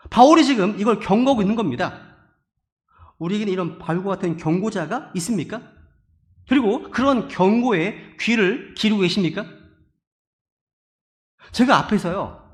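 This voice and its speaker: A man preaching a sermon as pastor, asking rhetorical questions and moving between quiet and loud passages. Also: high-pitched. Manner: animated preaching, swinging from hushed to loud exclamations; asks the congregation rhetorical questions.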